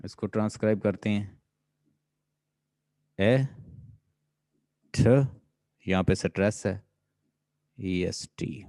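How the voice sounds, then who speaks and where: A Pakistani man gives a classroom lecture in a low, mellow voice. He speaks at a very unhurried pace and keeps asking his students questions. The sound is dry, with no room echo. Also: little pitch movement. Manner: drills students with repeated questions. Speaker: linguistics teacher. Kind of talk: classroom lecture mixing Urdu and English.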